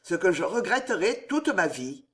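A woman's voice: fairly low pitch, very animated, moderate pace, a bit bright. A woman voicing a male officer who speaks courteously but firmly, in a read-aloud historical novel.

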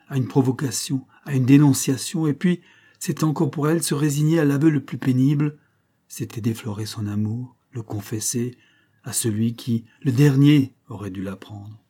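A man narrating a classic novel as an audiobook in a measured, dramatic reading. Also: mid-range voice, mellow, husky.

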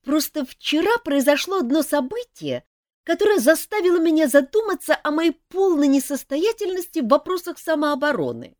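A woman's voice: high-pitched, lively intonation, moderate pace, dry recording, studio quality, pitched above the performer's own voice. A woman voicing a young male elf prince who talks in an earnest, pleading way.

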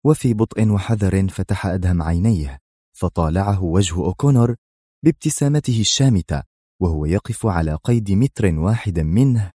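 Deep-ish mellow guy reading a thriller audiobook, dry close sound. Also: no echo. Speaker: narrator. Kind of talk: audiobook narration.

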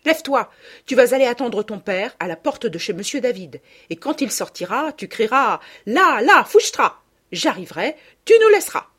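A woman's voice: a little high, lively intonation, normal speed, slightly rough, pitched above the performer's own voice. A woman reading a storybook, voicing a proud, quarrelsome provincial mother who scolds indignantly. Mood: urgent.

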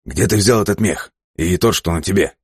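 A man voicing a greedy, excitable male ship captain who pleads and shouts in a high, straining voice. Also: moderate pace, husky, no echo, studio quality. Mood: insistent. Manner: shrill, pleading, rising to shouts.

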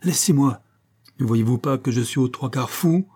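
A man's voice: mid-range voice, moderate pace, mellow, slightly rough, close to an everyday voice. A man reading an audiobook, voicing a proud, hot-tempered young country squire in raised, urgent outbursts. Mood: frantic.

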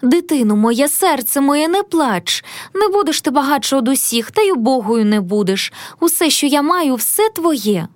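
Woman reading as a gentle old grandmother. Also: high voice, lively intonation, normal speed, dry recording. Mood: soothing. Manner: soothing, coaxing.

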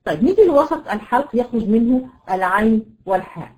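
An Egyptian woman teaching a tajweed lesson online to women students, explaining patiently and demonstrating letter sounds slowly. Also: a little high, animated, a little mellow, rough recording. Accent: Egyptian Arabic. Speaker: Quran recitation teacher.

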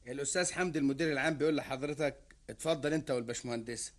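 Man playing a deferential clerk, Egyptian accent, very fast, formal, distant mic. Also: medium pitch, lightly acted. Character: deferential office clerk Rizq.

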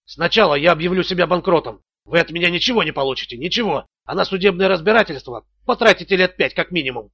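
A man voicing a frightened but stubborn male businessman in an audiobook thriller, low and shaken. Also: lively intonation, fast, slightly rough, no room sound, dull audio, heavily acted. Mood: defiant. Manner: low and shaken, quietly defiant. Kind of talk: audiobook character voice.

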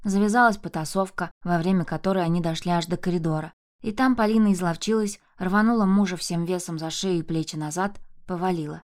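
A woman's voice: on the low side, fairly even intonation, a little fast, few pauses. A woman narrating a novel as an audiobook in a tense, dramatic reading.

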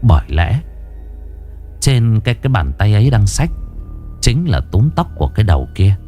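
A man narrating a ghost story in the first person, dramatic and expressive, dwelling on grim details. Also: on the low side, moderate pace, faint music behind.

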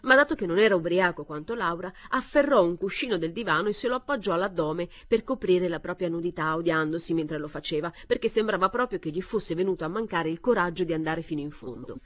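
A woman reading a short story aloud as narrator, in a measured and expressive way. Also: on the low side, dry recording. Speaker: reader.

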